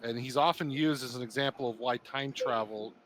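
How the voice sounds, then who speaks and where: A man on a casual podcast stream, recounting things in an animated way and stumbling over words now and then. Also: medium pitch, fairly quick, a little hiss or hum, rough recording. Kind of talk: casual group chat on a stream.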